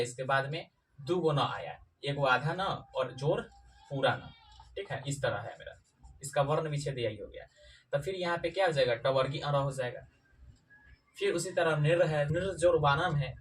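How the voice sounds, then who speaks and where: Man teaching in a higher voice. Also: far from the mic, a little hiss or hum. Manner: repeats points and asks the class questions; slows down to spell out sounds. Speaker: Sanskrit teacher. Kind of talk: classroom-style grammar lesson.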